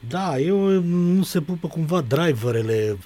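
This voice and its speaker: A man's voice: fairly high pitch, lively intonation, mellow. A man co-hosting a sports talk show, chatting casually and explaining things at length.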